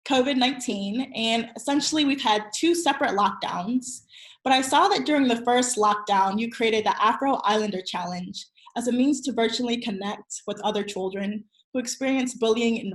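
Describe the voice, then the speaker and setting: An American woman in her twenties from Virginia, hosting an interview with earnest, upbeat introductions and questions. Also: on the high side. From Virginia, USA. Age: 20s. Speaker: host. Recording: roomy echo.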